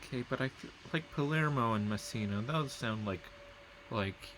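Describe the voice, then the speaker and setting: A man's voice: medium pitch, normal speed, fairly bright tone, a little hiss or hum, rough recording. A man casually commentating a strategy game as he plays, rambling and correcting himself while he reads out place names. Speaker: gameplay commentator. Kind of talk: casual let's-play commentary.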